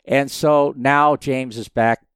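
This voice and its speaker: A man in his fifties, a podcast guest telling stories in a lively, rambling way with many restarts. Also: mid-range voice, slow, clean tone, dry recording, clean studio sound. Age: 50s. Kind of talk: casual storytelling interview.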